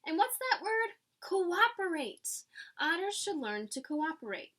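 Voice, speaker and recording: Her voice is very high and her pace a little slow as she reads a picture book aloud to kids, teacher-style. Animated and explanatory, she performs the characters' lines and drops in asides.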